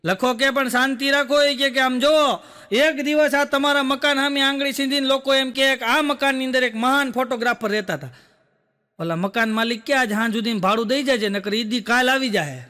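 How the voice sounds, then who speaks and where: A man doing stand-up comedy, telling jokes rapidly and acting out the dialogue of his characters. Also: very high voice, sharp tone, long reverb tail. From Gujarat, India. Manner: rapid joke telling, acting out quoted dialogue, frequent rhetorical "બોલો". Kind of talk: Gujarati joke telling on stage.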